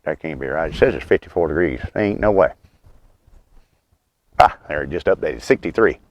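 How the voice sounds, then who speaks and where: A man in his mid fifties with a Southern US accent, chatting in a folksy, unhurried, wryly humorous way around a pipe as he hosts a rambling outdoor vlog. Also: a bass voice, animated, muffled recording, a little hiss or hum. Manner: talks while puffing on a pipe. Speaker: host of a homestead and birdwatching channel. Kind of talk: rambling casual vlog chat.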